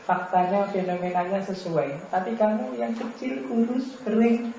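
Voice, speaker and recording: High-voiced lecturer in a booming echoey room. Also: male voice, fairly even intonation, moderate pace, gravelly, mellow, slight background noise. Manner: conversational, teasing, full of rhetorical questions. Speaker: philosophy lecturer. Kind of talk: informal lecture. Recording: very echoey, dull lo-fi room recording.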